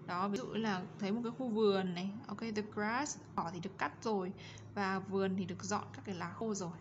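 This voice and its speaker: A woman teacher leads a bilingual grammar lesson, reading English examples slowly and carefully, then explaining them quickly in between. Her mid-range voice holds a steady tone, and the lo-fi recording has a noisy background.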